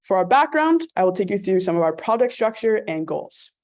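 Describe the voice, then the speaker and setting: A young woman from California presenting a student team project on a video call, in a steady scripted delivery. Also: medium pitch, fairly quick.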